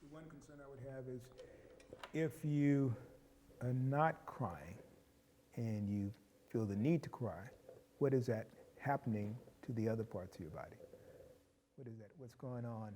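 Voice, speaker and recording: Man, mellow and measured, explanatory panel voice, slight hall echo with faint hiss. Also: mid-range voice. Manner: measured, explanatory, frequent "uh" pauses. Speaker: discussion panelist. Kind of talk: reflective group discussion.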